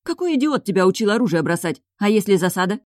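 A woman's voice: mid-range voice, big pitch swings, fast, darkish tone, no echo, clean studio sound, voice pushed up, close to an everyday voice. A woman voicing a frightened yet defiant young armed woman who snaps anxious questions.

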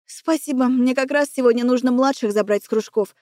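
A warm, caring assistant, sisterly and a little older, voiced by a woman narrator. She speaks gently and apologetically in a high, mellow voice. The audiobook recording is close and dry. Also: fairly quick, no echo, close to an everyday voice. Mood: grateful. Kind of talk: audiobook character voice.

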